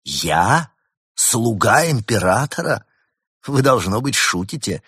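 A man's voice: fairly low pitch, animated, moderate pace, dry recording, studio quality, voice pushed up. A man doing a sly, amused adventurer. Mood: amused, explaining. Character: male adventurer, amused and secretive.

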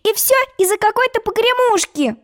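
A woman reading a storybook, voicing Alice as a lively, giggly little girl. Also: slow. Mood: coaxing. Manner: high, giggly and playful.

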